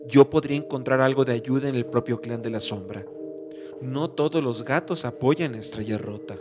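A man voicing a determined outcast she-cat in a storybook reading, speaking low and firm over background music. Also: normal speed, close to an everyday voice. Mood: earnest.

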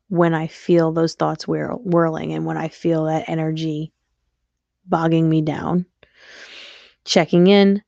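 A woman's voice: sits low, vocal fry, a little mellow, dry recording, muffled recording. A young adult woman hosting a podcast as a coach, speaking frankly in a casual reflective monologue and swearing now and then. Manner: frank and candid, occasional swearing.

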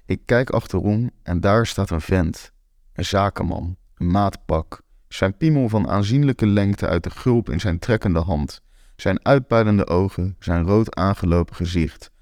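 A man's voice: on the low side, darkish tone, no room sound. A man reading a first-person story aloud in a dry, matter-of-fact, blunt manner. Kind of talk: first-person literary narration.

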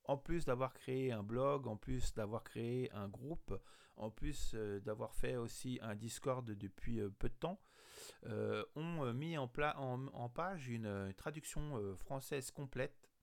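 Hesitant man with a gravelly voice. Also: mid-range voice, measured pace. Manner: hesitant, many fillers and restarts. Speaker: host. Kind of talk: casual spoken news roundup.

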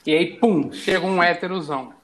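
A man with a Brazilian Portuguese accent hosting a casual chat, asking his guests questions in a playful, relaxed way. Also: high-pitched, moderate pace, a loud crowd. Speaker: podcast host.

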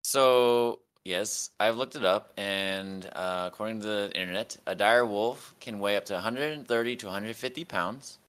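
Lower, bright-voiced man gaming. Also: normal speed, hardly any pauses, clear, resonant tone. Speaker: tabletop game player. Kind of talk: casual chat.

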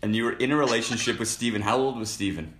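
A man's voice: mid-range voice, fast, a bit bright. A man hosting a casual talk show, asking blunt, teasing questions. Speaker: host. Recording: roomy echo.

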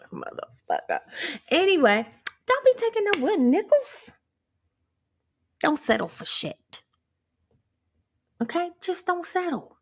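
A brash, profane woman ranting to her viewers. She laughs often, her voice swings widely, and it has a gravelly fry. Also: very high-pitched, very animated, slow, long pauses. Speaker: vlogger. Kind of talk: motivational rant.

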